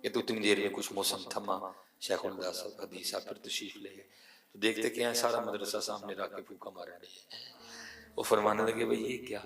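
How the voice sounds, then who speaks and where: Male preacher, emotional sermon, gravelly low voice, echoey room, heard from a distance. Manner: animated storyteller, repeats phrases for emphasis, swings from quiet to loud.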